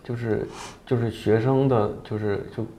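A man's voice: mid-range voice, fairly even intonation, moderate pace. A man from China hosting a casual interview, chatty and informal, often rephrasing his questions. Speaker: interviewer, host. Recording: dull echoey room recording, faint noise.

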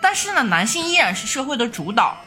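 A woman's voice: fairly high pitch, big pitch swings, fast, sharp tone, faint music behind. A woman hosting a podcast, casually retelling an ancient myth and laughing often as she acts out the gods. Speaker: podcast host telling myths. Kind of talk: casual storytelling chat.

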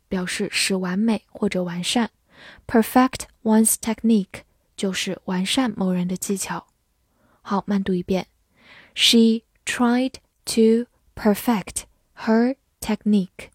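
A woman teaching English vocabulary in a scripted lesson. She spells words letter by letter and reads example sentences slowly. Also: mid-range voice, darkish tone, breathy edge, no echo, clean studio sound.

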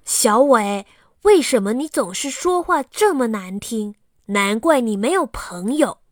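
A woman voicing a schoolboy from the next class who speaks up loudly in a children's storybook. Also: a little high, sing-song, unhurried, no echo, clean studio sound. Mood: angry. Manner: loud, stomping protest. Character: curious boy who turns angry.

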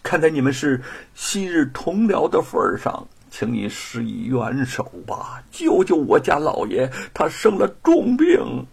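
A man's voice: mid-range voice, big pitch swings, unhurried, vocal fry, a little mellow, slightly rough, exaggerated voice. A man voicing a grieving, pleading older noblewoman in a storytelling performance. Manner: pleading, sorrowful.

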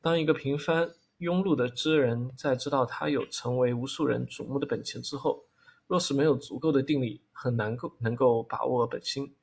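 Gravelly, husky male audiobook narrator. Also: mid-range voice, moderate pace. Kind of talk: audiobook narration of a fantasy novel.

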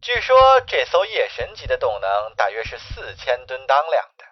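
A man voicing a menacing male broker who taunts in a low, hushed, mocking voice, with faint music behind. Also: sing-song, moderate pace, highs cut off. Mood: mocking menace.

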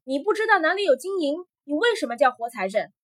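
A man's voice: very animated, moderate pace, husky, full character voice. A woman voicing a greedy, furious old male emperor who bellows his orders, in a storybook tale. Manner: loud, booming and bullying.

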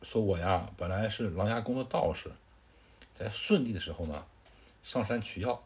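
A man's voice: fairly low pitch, normal speed, darkish tone, close to an everyday voice. A man voicing an old wandering male Taoist healer, explaining himself patiently. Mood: calm.

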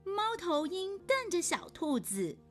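A woman reading a children's story aloud, animated and gentle, speaking to the child listening. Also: very high voice, slow pace, soft background music.

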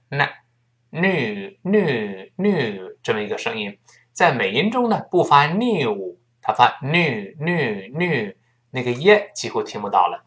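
A man teaching a spoken English lesson in Mandarin Chinese, spelling words letter by letter and drilling phrases slowly. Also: medium pitch, fairly bright tone.

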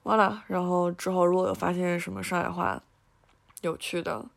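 A woman hosting a language podcast, explaining words in a chatty manner and slowly over-enunciating French words. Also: on the low side, little pitch movement, gravelly. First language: Mandarin. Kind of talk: casual educational talk.

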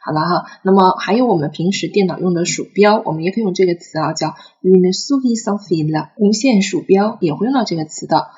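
A woman's voice: on the low side, darkish tone. Patient woman teaching French sounds, muffled. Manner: patient, drawn-out demonstration of sounds. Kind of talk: picture-book language lesson. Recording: slightly muffled recording.

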